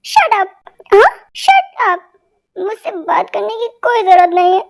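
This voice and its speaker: A woman's voice: extremely high pitch, very animated, slow, vocal fry, exaggerated voice. A woman voicing a dramatic young wife in an amateur fan dub, talking in a whiny, sobbing, accusing way. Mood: sulky.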